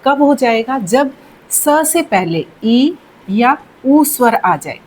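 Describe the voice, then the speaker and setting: Slow, patient woman teaching grammar. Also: sits high, lively intonation, slight background noise, poor audio. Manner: patient, repeats key words and checks in with "theek hai". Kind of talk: slow, deliberate classroom explanation.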